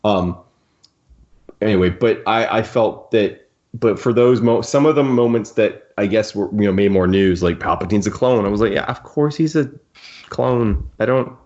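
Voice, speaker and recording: A man co-hosting a podcast talks casually in a low, darkish voice at a moderate pace. He rambles and cuts himself off in the easygoing manner of a fan discussion. The audio is slightly dull and lo-fi.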